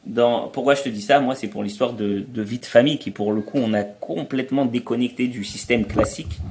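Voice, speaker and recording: Un homme d'âge moyen, invité d'une interview, qui explique et raconte des anecdotes sur un ton familier, avec des hésitations et des reprises. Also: male voice, mid-range voice, fairly quick, darkish tone, a little hiss or hum. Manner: explanatory, anecdotal, hesitant restarts. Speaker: guest, traveling parent. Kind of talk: casual interview chat.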